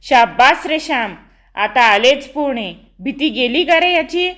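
A woman's voice: sits high, lively intonation, measured pace, fairly bright tone. A woman reading an audiobook, voicing a kindly young village man who coaxes and encourages a boy learning to swim. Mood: encouraging. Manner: encouraging, coaxing.

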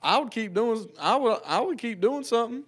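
A man's voice: very high-pitched, expressive, a little fast, fairly bright tone, husky. A man co-hosting a casual church podcast, plain-spoken and repeating words as he starts his sentences, speaking into a desk mic. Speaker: podcast co-host. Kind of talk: casual chat. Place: small room in a church, at a table. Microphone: desk mic on a stand.

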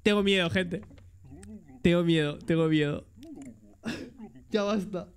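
A man with a Spain Spanish accent streaming a game, joking excitably and talking to his chat. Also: high-pitched, takes it slowly. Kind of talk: live gameplay commentary.

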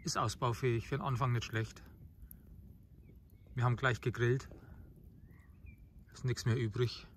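Man, 40s, easygoing co-host of a travel vlog. Matter-of-fact delivery, mid-pitched, with a faint outdoor hiss. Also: steady tone, measured pace, long pauses. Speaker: vlogger, co-host. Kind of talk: casual travel vlog chat. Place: outdoors by a lake at dusk. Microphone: phone at arm's length.

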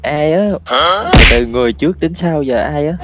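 A man's voice: a little high, expressive, normal speed, a loud crowd, heavy background noise. A man bantering while gaming, teasing and exasperated, often breaking into laughs. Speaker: gaming partner. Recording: loud game music behind.

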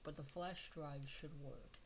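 Casting: male tutorial host, congested broken-nose sound, little pitch movement, informal and halting, faint noise on a home recording. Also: steady tone, gravelly. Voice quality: nasal, congested as after nose surgery. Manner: hesitant, informal explaining. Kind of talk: casual screen-recorded tech tutorial. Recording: noisy home screen recording.

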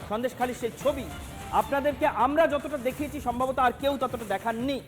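Male news anchor, very high voice, measured emphatic commentary, music underneath. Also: steady tone, fairly bright tone.

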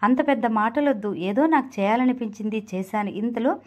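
A woman's voice: fairly high pitch, fairly quick, highs cut off, natural voice. A woman reading the lines of an aloof, firm young daughter who speaks curtly and with detachment. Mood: detached. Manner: curt, detached.

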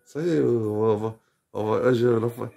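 A man's voice: mid-range voice, quick pace, creaky, mellow. A young man chatting casually with a friend, tired and drowsy, slangy and profane, laughing often. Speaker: vlogger. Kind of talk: casual rambling chat to a friend.

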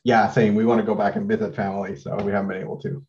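A Mexican man in his thirties chats casually as a guest artist in an interview over a video call, his voice lowish and the sound lo-fi. He is relaxed but halting, with lots of fillers and restarts.

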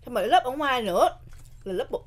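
Southern vietnamese woman, 30s, chatting fast on a snack tasting vid, highish voice, some bg noise n crinkly wrappers. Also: big pitch swings. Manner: repeats short words and phrases. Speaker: snack tasting show co-host. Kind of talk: casual mukbang chat. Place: small indoor set with curtained backdrop. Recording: clear background noise, crinkling packaging.

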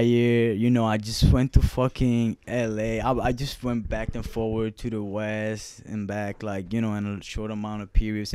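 A man's voice: fairly low pitch, darkish tone, clear, resonant tone, dry recording. Man, loose profane talk. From Puerto Rico. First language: Spanish. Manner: loose, profane street talk with many fillers. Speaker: clothing brand founder. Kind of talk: casual interview answers.

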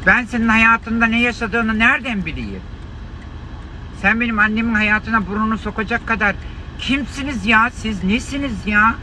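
A man live-streaming an indignant, scolding rant at his viewers from inside a car, his voice hoarse from shouting. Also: high-pitched, moderate pace, poor audio. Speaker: livestreamer. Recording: loud car and street noise.

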